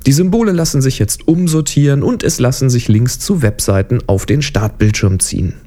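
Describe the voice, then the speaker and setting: Man, podcast host, casual tech chat, wry asides, mellow warm tone. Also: mid-range voice, lively intonation, normal speed.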